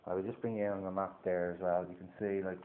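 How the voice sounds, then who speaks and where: Seated indoors at a table, a Dublin gold prospecting vlogger gives casual instructions to his phone camera in a low-pitched, level voice. He speaks haltingly, full of fillers and restarts, and the recording sounds tinny and lo-fi.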